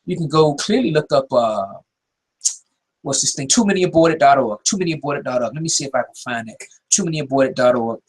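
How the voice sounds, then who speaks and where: A middle-aged man hosts a talk radio show alone, speaking in an earnest, preachy tone and often stumbling over his words. His voice sits a little high for a man and has a husky, slightly raspy edge. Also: poor audio. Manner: earnest and preachy, with many hesitations. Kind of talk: solo political commentary.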